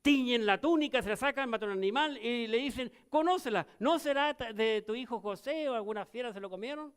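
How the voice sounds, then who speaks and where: This older Chilean-accented pastor is animated and brisk as he preaches, shifting from loud emphasis to low, quiet delivery. His tone is clear and resonant.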